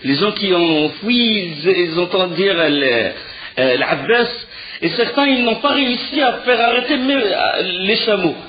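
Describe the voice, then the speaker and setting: In a recorded lecture, a religious history teacher animatedly retells a story in a high-pitched voice at a slightly slow pace. He frequently starts sentences over and leans on fillers, and the audio's high frequencies are cut off.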